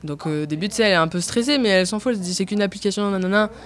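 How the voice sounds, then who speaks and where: A woman's voice: on the low side, lively intonation, very fast. Rambling, hesitant young-sounding woman. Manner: hesitant, many fillers and restarts; tacks on "and so on" often. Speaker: interview guest. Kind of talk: casual chat.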